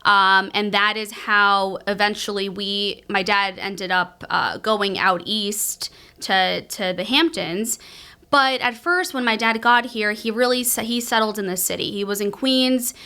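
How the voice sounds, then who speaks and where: A woman's voice: mid-range voice, a little slow, pushed and bright, clean tone. A young woman from Colombia, a podcast guest telling her family's story in an earnest way. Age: young adult. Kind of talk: interview answers.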